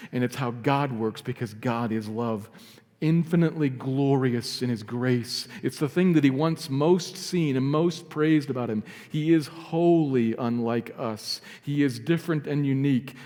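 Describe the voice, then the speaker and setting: A man preaching a sermon as pastor, earnest, sometimes dropping to a soft, quiet emphasis. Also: mid-range voice, big-room sound. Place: church sanctuary.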